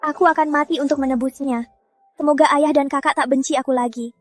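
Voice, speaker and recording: A woman's voice: sits high, steady tone, quick pace, faint music behind, lightly acted. A woman dubbing a spoiled, scheming young woman who stammers defensively when cornered. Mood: resentful. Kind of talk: dubbed drama acting.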